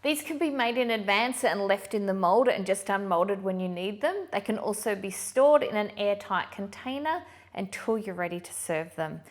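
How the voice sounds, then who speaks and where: A middle-aged woman hosting a cooking demonstration, giving clear step-by-step instructions in an upbeat manner. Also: medium pitch, lively intonation, moderate pace, hardly any pauses. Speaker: chocolatier host.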